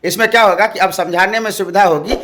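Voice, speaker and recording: A woman's voice: mid-range voice, fairly even intonation, fast, fairly bright tone. A woman co-teaching a home French lesson as a parent, patiently explaining and repeating each answer back.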